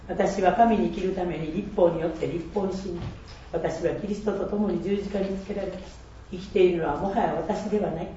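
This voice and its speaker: Earnest older woman in her 60s, sharing her faith, soft mellow voice, far off the mic in a big echoey church, faint hiss. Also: lowish voice. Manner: earnest, reflective, quotes scripture, laughs at herself. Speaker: church member giving testimony. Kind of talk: personal faith testimony. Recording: echoey and distant, dull with faint noise.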